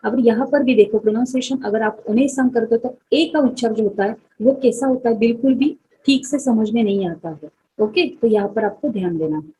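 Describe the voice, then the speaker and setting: A young woman explaining vocabulary step by step in a relaxed lesson, repeating words slowly and asking checking questions. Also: a little high, slightly rough, low-quality recording. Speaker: Japanese teacher. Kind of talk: Hindi-English vocabulary lesson.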